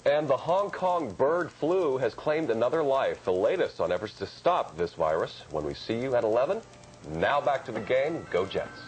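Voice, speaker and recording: A man's voice: mid-range voice, sing-song, normal speed, faint music behind, poor audio. A man anchoring the news, reading scripted copy in a broadcast style.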